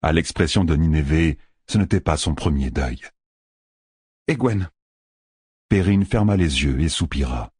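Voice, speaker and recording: A man narrating an audiobook in an expressive storytelling manner. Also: a bass voice, normal speed, few pauses, husky, dry recording, clean studio sound. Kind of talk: scripted narration.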